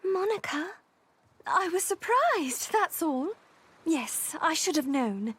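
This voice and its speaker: An actress playing an earnest, reserved young woman, polite, formal and a little hesitant, in animated period drama. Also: very high-pitched, slow pace, full character voice. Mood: flustered.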